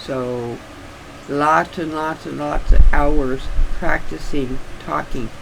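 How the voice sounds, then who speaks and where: An older woman chatting casually and haltingly, with slightly restricted articulation, as if her sore jaw won't open wide. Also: low voice, fairly even intonation, creaky, noisy background. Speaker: craft vlogger. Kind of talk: casual rambling chat.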